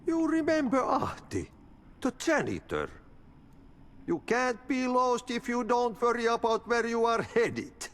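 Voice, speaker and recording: An older Finnish janitor from a video game speaks in cryptic, folksy riddles with a cheerful sing-song drawl, his pitch swinging wildly as he takes his time. The tone is fairly bright and exaggerated, the mood playful and cryptic, and the pace a little slow. A long, cavernous reverb surrounds his voice.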